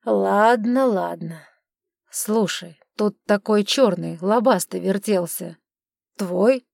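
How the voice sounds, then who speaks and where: Woman reading as a calm coaxing duke. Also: mid-range voice, takes it slowly, vocal fry, no room sound, clean studio sound. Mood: coaxing, teasing. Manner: coaxing, placid. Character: lazy, charming middle-aged male duke. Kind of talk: audiobook character reading.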